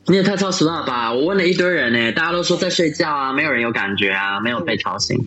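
Bright, teasing Taiwanese podcast host, male. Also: medium pitch, animated, quick pace, slightly rough. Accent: Taiwanese Mandarin. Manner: playful, teasing, mock-announcing to listeners. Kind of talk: casual chat on an overseas phone call. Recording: overseas call, faint music behind.

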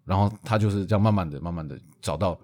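A man telling a story in a casual podcast chat, animated and quick to laugh. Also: deep voice. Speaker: podcast co-host.

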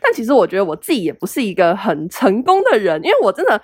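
A woman's voice: medium pitch, very animated, fast talker, husky, no room sound, clean studio sound. A young woman with a Taiwanese Mandarin accent, hosting a solo podcast in a chatty, self-deprecating way full of fillers. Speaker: podcast host. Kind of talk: casual solo podcast advice.

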